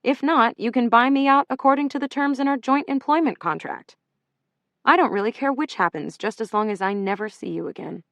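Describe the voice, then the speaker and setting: A woman's voice: on the high side, a little fast, gravelly, a bit bright, no room sound, pitched above the performer's own voice. A woman narrator voicing a wronged female editor who speaks firmly and in clipped, barely controlled lines. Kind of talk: audiobook character reading.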